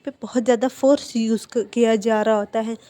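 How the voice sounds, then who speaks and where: A woman's voice: on the high side, steady tone, brisk, dark tone. A woman casually retelling a drama plot in a conversational way, often restarting her sentences.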